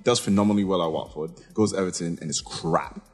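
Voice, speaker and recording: A man's voice: low-pitched, fast talker, breathy edge. A man co-hosting a podcast, arguing about football in a casual way, full of rhetorical questions. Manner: animated, rhetorical questions, acts out quotes. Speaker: podcast co-host.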